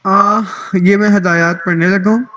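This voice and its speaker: A man teaching Quran recitation in an online class, explaining rules patiently and pausing often to check that everyone follows. His voice sits a bit high for a man, and it comes through a dull, lo-fi video call line. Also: fairly even intonation, pushed and bright.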